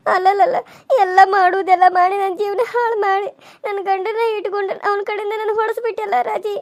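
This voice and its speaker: A wronged young pregnant wife from a village cartoon, as a woman plays her, wailing her reproaches through tears. Her voice sits extremely high. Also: quick pace. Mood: tearful. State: crying. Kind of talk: cartoon serial voice acting.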